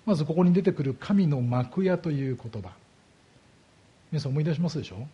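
A man's voice: a little high, lively intonation, dark tone, slightly rough, muffled recording. A man preaching a sermon as a pastor, explaining scripture and asking his congregation rhetorical questions. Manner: slows down heavily on key words.

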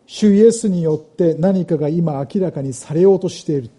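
A middle-aged male pastor gives a sermon, reading scripture aloud and turning to the congregation with questions. His voice is dark and mellow, slightly raised in pitch, with a husky edge. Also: normal speed.

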